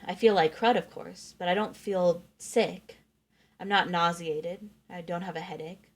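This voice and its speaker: A woman reading a novel aloud in first person, expressively acting out the narrator's thoughts. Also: on the low side.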